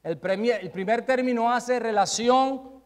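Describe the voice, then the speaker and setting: High-voiced male pastor preaching. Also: measured pace. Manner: asks the congregation rhetorical questions; swings between loud emphasis and quiet asides. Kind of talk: sermon.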